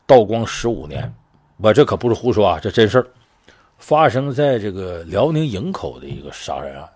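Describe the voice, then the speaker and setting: Male storyteller, husky, animated delivery, slips into character voices. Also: on the low side, normal speed. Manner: lively, conversational, acts out voices in the story. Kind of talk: casual spoken storytelling of a true crime case.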